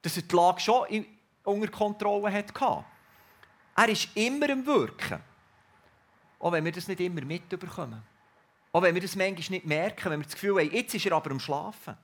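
A man preaching a sermon in an earnest, reflective way with pauses. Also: high voice, a bit bright.

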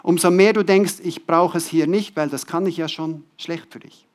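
Emphatic preacher with a raised voice. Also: male voice, on the high side, steady tone, moderate pace. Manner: emphatic, swinging between loud stressed words and soft drops; repeats key words for emphasis. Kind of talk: sermon to a congregation.

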